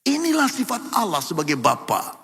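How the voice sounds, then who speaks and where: A man preaching a sermon as pastor, emphatic and building to loud repeated cries. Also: high-pitched, wildly swooping pitch, moderate pace, husky. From Indonesia. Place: large church hall. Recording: echoey church hall, long reverb.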